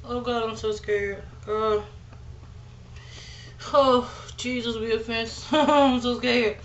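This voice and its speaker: Woman vlogger, slow and chatty, through a dried face mask, in a roomy space. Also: fairly high pitch, steady tone, highs cut off, a little hiss or hum. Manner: chatty, says y'all a lot, nervous giggles. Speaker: beauty vlogger. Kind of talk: casual chat to camera. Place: indoors at home.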